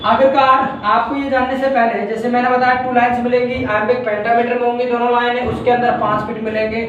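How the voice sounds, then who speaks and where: Indian male teacher, high voice, distant mic in a very echoey classroom. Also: flat delivery, fast, fairly bright tone, highs cut off, slight background noise. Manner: explains step by step, repeats points, checks with "thik hai". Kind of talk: classroom lecture. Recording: very echoey room from far off.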